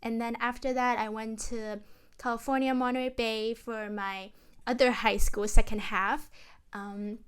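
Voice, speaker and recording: A young woman from Hong Kong in her twenties, co-hosting a casual podcast, upbeat and chatty and quick to laugh. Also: a little high, little pitch movement, smooth. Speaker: podcast co-host. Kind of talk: casual chat.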